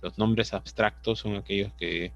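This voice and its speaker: A man's voice: fairly low pitch, fairly even intonation, a little slow, gravelly, a bit bright, faint music behind. A man with a Peruvian Spanish accent teaching an online class, explaining patiently and often checking understanding with tag questions. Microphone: computer mic on a video call. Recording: dull lo-fi video call audio.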